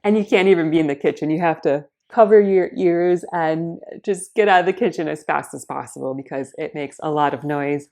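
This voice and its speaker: Female vlogger, slightly low voice, earnest casual narration that explains things step by step. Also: darkish tone.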